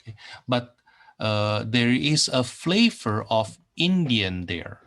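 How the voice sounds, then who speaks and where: This recorded online math lesson comes from a middle-aged Indonesian man whose mid-range voice is very animated, slow and a little bright. Teaching over a screen recording, he often repeats himself and leans on fillers and okays.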